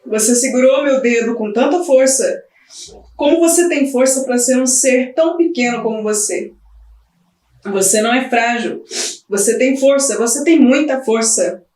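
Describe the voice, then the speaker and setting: A woman's voice: on the high side, moderate pace, a little mellow, voice pushed up, lightly acted. A woman voicing a worn-out new mother pleading with her baby, weary and close to tears. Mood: tender, pleading. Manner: weary, pleading, breaking into tearful cries. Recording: roomy, from the mic at a distance.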